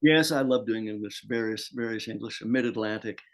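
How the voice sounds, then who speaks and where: A man's voice: fairly low pitch, a little fast. An older man talking as an actor guest in a casual interview, chatty and meandering, with many restarts.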